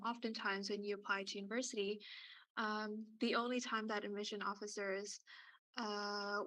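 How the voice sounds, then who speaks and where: A woman hosting an online university information session, speaking with frequent fillers and pauses. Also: mid-range voice, fairly bright tone, no echo, poor audio. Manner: hesitant, many fillers. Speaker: event host and mentor. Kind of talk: presenting at an online info session.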